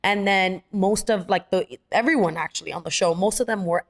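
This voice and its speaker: In a mid-range voice and at a fairly quick clip, a young adult woman, an actress guest, shares stories during a laid-back interview. Her delivery is animated and full of fillers, and she performs the dialogue of the people she's quoting.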